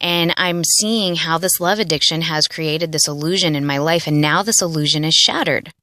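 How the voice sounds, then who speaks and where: A woman's voice: low voice, normal speed, bright, forceful tone, no echo, clean studio sound. A woman in her late thirties giving an earnest, confessional personal monologue for her audio blog, rambling with frequent "like" and "you know". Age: late 30s. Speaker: audio blogger.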